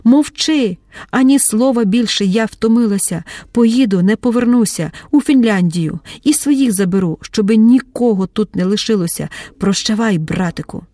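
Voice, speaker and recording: A woman reading an audiobook, voicing a tense young woman who breaks into hysterical shouting. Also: medium pitch, unhurried, dry recording, studio quality, lightly acted. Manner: shouting, pleading outbursts.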